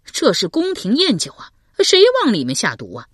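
A brash, mocking male scholar who loves his wine, voiced boldly in an audiobook by a woman reading all the parts. He speaks up louder than the narration, with a husky, lively delivery. The recording is close and dry. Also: mid-range voice, moderate pace, dry recording, voice pushed up, exaggerated voice. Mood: teasing. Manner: teasing, loud and laughing.

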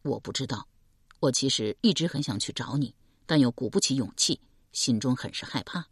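A woman voicing a gentle, wounded young man in an audiobook, speaking softly and tenderly. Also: extremely low pitch, lively intonation, moderate pace, husky, no echo, clean studio sound, voice pushed down, exaggerated voice. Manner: soft, tender.

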